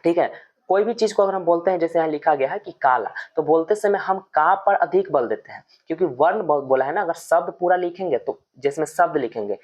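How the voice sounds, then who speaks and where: A male teacher giving an online grammar lesson, explaining slowly and repeating example words with heavy stress, calling the viewers friends. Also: fairly high pitch, lively intonation.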